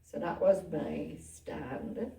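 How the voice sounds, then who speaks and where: Soft-spoken woman pastor, mellow voice. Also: deep voice, drawn-out words, gravelly. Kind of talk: candid interview talk. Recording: roomy sound from a distant mic.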